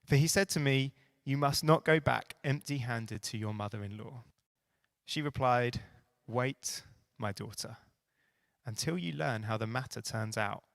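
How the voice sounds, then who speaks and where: Male preacher, lively with wry asides, bright tone. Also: mid-range voice, a little slow, creaky, dry recording. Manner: animated, playful asides, emphatic repetition. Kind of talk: sermon.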